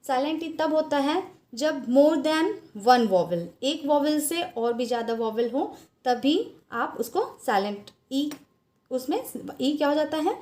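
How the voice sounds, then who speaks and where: Slow, patient Indian woman teacher. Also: sits high, lively intonation, darkish tone. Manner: slow, patient explaining, spelling out letters. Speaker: English teacher. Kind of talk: phonics lesson for students.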